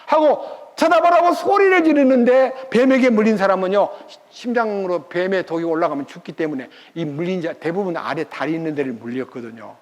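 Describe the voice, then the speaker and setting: A man's voice: high voice, brisk, hardly any pauses, darkish tone, long reverb tail. An older man preaching a sermon as pastor at a church retreat, telling the story with emphatic energy.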